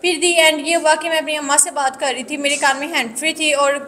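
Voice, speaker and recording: A woman's voice: fairly even intonation, a little fast, bright, forceful tone. A woman, telling her story in an interview, anxious and repetitive with many restarts. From Pakistan. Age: 20s. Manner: high-pitched, earnest. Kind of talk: recounting harassment in an interview.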